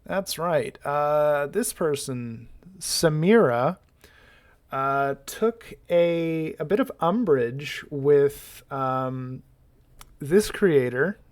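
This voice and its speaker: Man, American accent, casual commentary, slow and halting, lots of ums, dry sarcastic asides. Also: a little high, expressive. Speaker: YouTube commentator.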